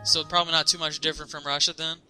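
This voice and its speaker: A man's voice: a little high, level tone, rapid-fire, sharp tone, soft background music, rough recording. A man co-hosting a podcast who interviews a guest, upbeat and friendly in his questions. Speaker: podcast co-host.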